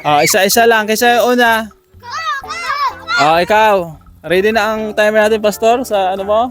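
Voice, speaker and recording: A man hosting games for schoolchildren outdoors, coaxing and counting down with animated energy. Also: sits high, normal speed, faint music behind. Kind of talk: lively outdoor game hosting.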